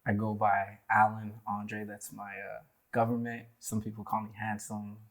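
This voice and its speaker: A man's voice: fairly low pitch, monotone, normal speed, heavy background noise. A man who paints murals, talking in a laid-back, joking way at a round table. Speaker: muralist guest. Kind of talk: casual round-table chat.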